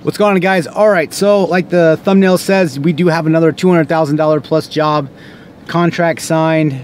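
A man in his thirties with an American accent, a contractor, vlogs to camera from inside a parked car in casual, unscripted talk that rambles with frequent false starts. His voice is fairly high with fairly even intonation and a darkish tone, at normal speed, with a little hiss or hum.

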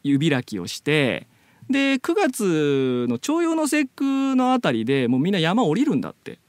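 A man hosting a casual web radio chat, explaining things in an animated, storytelling way into a studio mic. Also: a little high, moderate pace, no echo. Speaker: radio show host.

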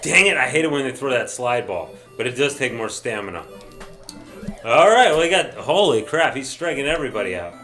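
A man casually commenting while playing an old baseball video game, excitable, shouting at the players and grumbling when things go wrong. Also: medium pitch, fairly quick, faint music behind. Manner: excitable, swears mildly, yells at the game. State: says he is drunk. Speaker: let's play gamer.

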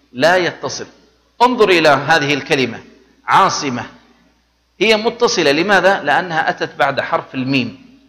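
معلم لغة عربية يشرح القواعد خطوة بخطوة، يطرح الأسئلة على طلابه ثم يجيب عنها بنفسه. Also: male voice, a little high, bright, forceful tone, in a large hall. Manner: explains step by step, asks the class questions and answers them. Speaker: Arabic teacher. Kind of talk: classroom language lesson.

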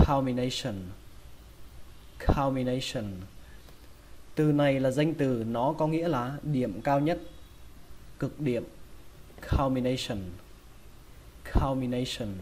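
A man's voice: mid-range voice, fairly even intonation, slow, pauses often, darkish tone, a little hiss or hum. A man with a Vietnamese accent teaching English vocabulary, patiently repeating each word several times. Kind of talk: pronunciation lesson.

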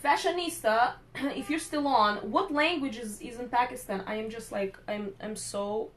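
A woman's voice: a little high, normal speed. A young woman hosting a makeup live stream, chatting playfully with viewers as she works. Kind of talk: casual live-stream chat while doing makeup.

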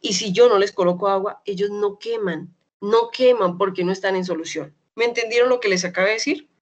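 A young adult woman with a Colombian accent from Medellín, teaching an online chemistry class in a chatty way. She keeps checking in with her students and slowly repeats key terms. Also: medium pitch. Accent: Colombian Spanish, Medellín.

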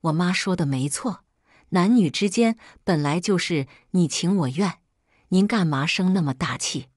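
A woman's voice: fairly low pitch, moderate pace, a little mellow, no room sound, studio quality. A woman reading a first-person family quarrel story in a scripted, dramatic storytelling way.

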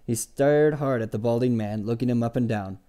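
Guy reading a fantasy book aloud, soft mellow voice, steady. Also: medium pitch, brisk, smooth. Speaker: amateur audiobook reader.

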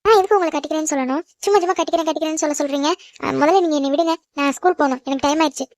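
A woman voicing a feisty, very fast-talking schoolgirl. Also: high voice, no echo, studio quality, natural voice. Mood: protesting. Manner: protesting, sharp-tongued. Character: feisty quick-tongued schoolgirl. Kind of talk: cartoon voice acting.

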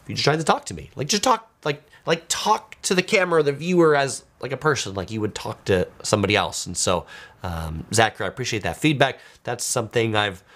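This man in his forties hosts a travel video channel from a small indoor home studio, reading viewer comments aloud and answering casually as though speaking to a single person. His medium-pitched voice is animated, quick and fairly bright.

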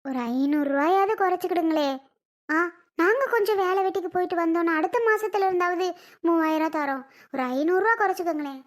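A desperate, poor tenant woman, acted by a woman with a very high voice. She pleads and begs in a tearful way, holding onto every word of the plea. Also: fast. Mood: pleading. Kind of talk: village family skit.

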